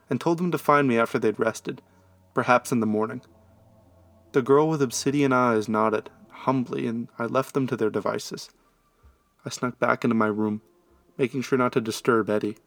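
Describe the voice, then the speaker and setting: A man narrating a first-person story in a conversational way that grows animated at tense moments. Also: medium pitch.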